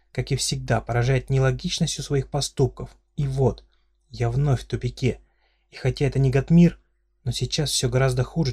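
Man reading a fiery young heroine, husky, indignant, bickering, audiobook. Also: medium pitch, darkish tone. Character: sharp-tongued young heroine, quick to anger.

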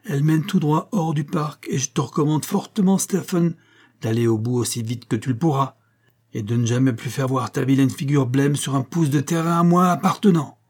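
A man reading aloud, voicing a young gentleman who gives firm commands to a servant. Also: mid-range voice, fairly even intonation, normal speed, voice pushed up, lightly acted. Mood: stern. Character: devoted young gentleman husband, protective.

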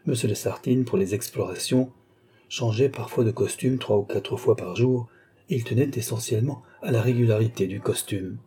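Man with a dark, husky reading voice. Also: mid-range voice, normal speed. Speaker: audiobook narrator. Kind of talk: scripted narration.

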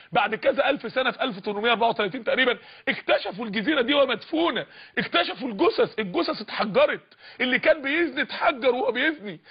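A man's voice: extremely high pitch, breathy edge. A man with an Egyptian Arabic accent preaching a fervent sermon, full of repeated rhetorical questions. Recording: dull lo-fi recording.

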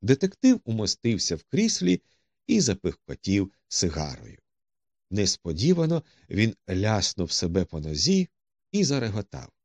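A man's voice: fairly low pitch, wildly swooping pitch, measured pace, dry recording. A man narrating an audiobook expressively on a close studio mic.

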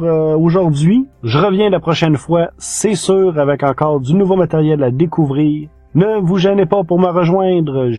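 A man with a Quebec French accent offers an upbeat, casual podcast review from his notes, backed by music. His mellow voice sits high, and there is no room sound.

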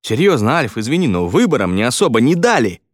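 A man's voice: mid-range voice, very animated, fast talker, no room sound, clean studio sound, voice pushed up. A man voicing a young male builder who rambles through excuses and pleads for his job. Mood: exasperated. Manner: rambling, excuse-making storytelling.

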